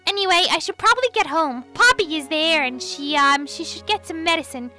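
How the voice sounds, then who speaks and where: A woman voicing a chatty young girl heroine in a game roleplay, rambling and animated. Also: very high voice, a little fast, faint music behind. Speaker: channel host. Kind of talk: Minecraft roleplay voice acting.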